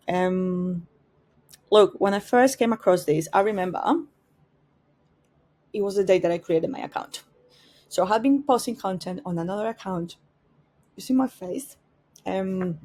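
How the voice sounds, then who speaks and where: A native Spanish speaker with a strong Spanish accent teaches an informal marketing master class in a conversational way, often searching for words. Her voice is medium-pitched with a darkish tone.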